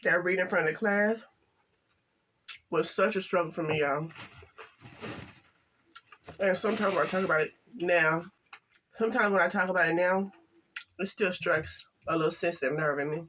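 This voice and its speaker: An older woman chatting casually to camera while eating, halting and soft-spoken, with some stutters. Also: on the low side, slight background noise. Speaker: mukbang vlogger.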